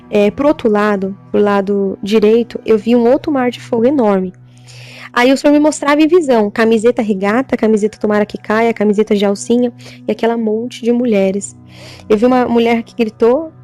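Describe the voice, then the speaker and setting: High-voiced woman giving a church testimony. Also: a little mellow. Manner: repeats a questioning "amém?"; hesitant restarts. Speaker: testimony preacher.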